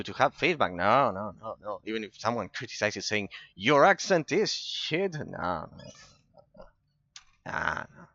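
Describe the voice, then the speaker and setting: A man's voice: lowish voice, sharp tone, dry recording, lo-fi sound. Chatty Argentine man streaming a game. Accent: Argentine Spanish. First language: Spanish. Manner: chatty, repeats himself, laughs often. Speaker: gaming streamer. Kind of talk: casual chat over gameplay.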